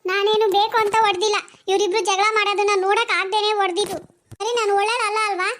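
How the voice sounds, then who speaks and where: Brief: hot-headed cartoon mom played by a woman, high, fast, defensive. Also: level tone. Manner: sharp, defensive scolding. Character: hot-tempered scolding cartoon mother.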